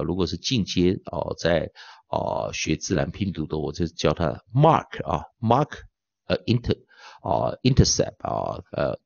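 Male teacher, online lecture, lively swooping intonation, lowish voice, slow stretched demo words, muffled dry recording. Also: vocal fry, no echo. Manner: drawls out demo words slowly and repeatedly; frequent drawn-out filler particles. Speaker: English pronunciation teacher. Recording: dull lo-fi dry sound.

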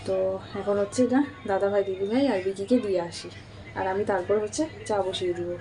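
A woman's voice: mid-range voice, steady tone, moderate pace, warm tone. A young woman, casually narrating daily chores in a family vlog. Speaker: vlogger.

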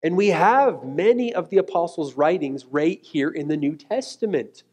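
Guy in his 30s preaching from a church stage, kinda high voice, earnest and emphatic. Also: animated. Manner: earnest, emphatic preaching with slowed key words. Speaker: pastor. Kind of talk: sermon. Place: church stage, mid-size room indoors.

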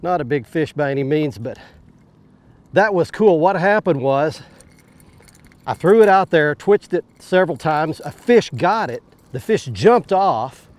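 A man hosting a fishing show from a bass boat, exclaiming as the fish hit. His voice sits a bit high. He is recorded outdoors on open water with a clip-on mic. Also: a little slow. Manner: excitable, exclaiming while fighting fish. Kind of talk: excited on-the-water commentary.

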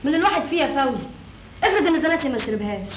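A woman's voice: high voice, sing-song, racing. An actress playing a worried young village woman, speaking with an Egyptian accent in an old film. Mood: anxious. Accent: Egyptian Arabic. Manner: anxious, pleading. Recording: echoey film soundtrack with hiss.

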